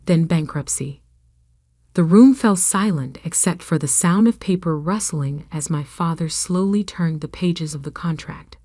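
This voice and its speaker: A woman narrates a dramatic revenge story in a measured, steady way. Her voice sits a little low and sounds dry and close, with no room around it. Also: no echo. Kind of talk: scripted first-person story narration.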